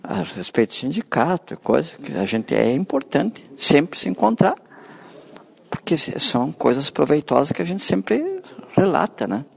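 A man's voice: fairly high pitch, wildly swooping pitch, moderate pace, gravelly, breathy edge. A man answering interview questions about a union meeting, rambling and often adding "né?". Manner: rambling, frequent "né?".

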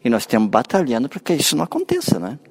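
A man's voice: mid-range voice, huge pitch swings, very fast, breathy edge. A man answering interview questions about a union meeting, rambling and often adding "né?". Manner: rambling, frequent "né?".

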